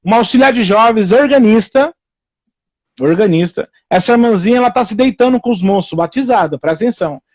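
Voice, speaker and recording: A man's voice: sits high, brisk, no room sound. A man preaching informally on a live stream, repeating himself and acting out the people he quotes. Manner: repetitive, animated, acts out quoted people in raised voices.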